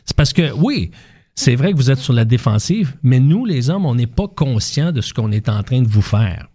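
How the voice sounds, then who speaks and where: A man's voice: medium pitch, sing-song, moderate pace, mellow, breathy edge. A man with a Québécois French accent, a guest explaining relationship habits through concrete everyday examples, with restarts and fillers. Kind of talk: casual explanatory chat.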